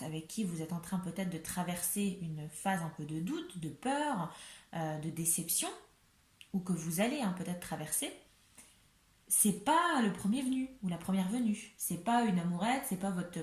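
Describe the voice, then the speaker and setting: A French woman talks through a tarot reading in a chatty, reassuring way, often pausing on fillers and restarting her sentences. Her voice sits at a middle pitch. The room around her is noticeably echoey. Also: a little mellow. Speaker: tarot card reader. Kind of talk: casual tarot reading to camera.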